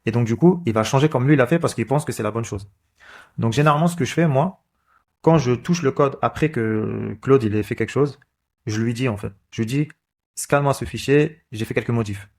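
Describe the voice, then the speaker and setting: A man's voice: medium pitch, brisk, a little mellow. A man, casually thinking aloud as he walks through code, with many fillers and restarts. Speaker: coding channel host. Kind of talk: casual screen-recorded coding walkthrough.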